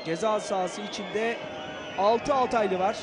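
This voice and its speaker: A man giving excitable, declamatory live commentary on a football match. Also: high-pitched, measured pace. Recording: loud stadium crowd noise behind. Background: cheering football stadium crowd.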